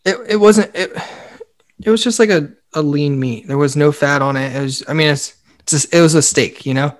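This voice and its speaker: A man's voice: fairly high pitch, brisk. Young guy on a podcast just chatting, rambles a lot, says like constantly. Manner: rambling, lots of "like" fillers. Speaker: podcast co-host. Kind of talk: casual chat.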